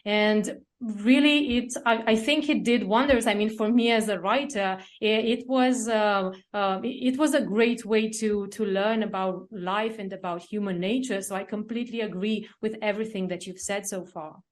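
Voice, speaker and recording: A woman with a Romanian accent hosts an interview, speaking at an ordinary middle pitch. She searches for words as she goes, stringing her questions together with frequent uhs and ums. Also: steady tone. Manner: halting, many uh fillers. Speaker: podcast co-host, interviewer.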